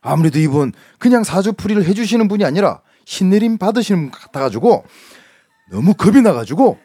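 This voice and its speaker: A radio host from Korea's Gyeongsang region, speaking with that accent, chats lively through listener stories and laughs a lot. His voice sits high and is slightly rough, fairly quick, captured in clean studio quality with no room sound.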